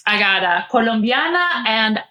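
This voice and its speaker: A woman co-hosting a casual show, playful and quick to laugh, giving sports recaps. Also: a little high, expressive, sharp tone. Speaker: podcast co-host. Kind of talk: casual chat.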